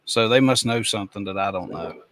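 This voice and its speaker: A man's voice: lowish voice, a little fast. A male host bantering and joking with guests on a trade talk show. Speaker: podcast host. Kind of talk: casual talk-show chat.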